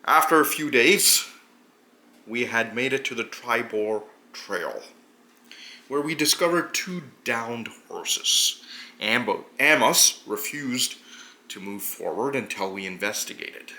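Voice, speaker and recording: A man voicing a pompous, gravelly hobgoblin who sees himself as a hero and formally recounts his tabletop fantasy adventure, drawing out his words. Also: medium pitch, expressive, pushed and bright, heavily acted. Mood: self-important, puzzled. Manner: pompous, deliberate, formal storytelling with drawn-out words. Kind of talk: in-character tabletop adventure narration.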